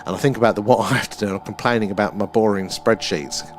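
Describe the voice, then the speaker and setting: A man's voice: fairly low pitch, fast talker. A man with an Essex accent hosting a live stream, explaining and chatting to viewers in a rambling, conversational way.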